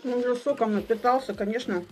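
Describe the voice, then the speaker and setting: A woman's voice: fairly high pitch, fairly quick, darkish tone, faint music behind, rough recording. A woman talking with her mouth full while eating her own cooking in a casual home vlog. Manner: chatty, defends her cooking. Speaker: vlogger cooking for her family. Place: home kitchen.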